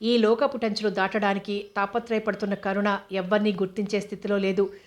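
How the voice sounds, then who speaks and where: A woman narrating a novel with a steady storytelling manner. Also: medium pitch, brisk. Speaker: audiobook narrator.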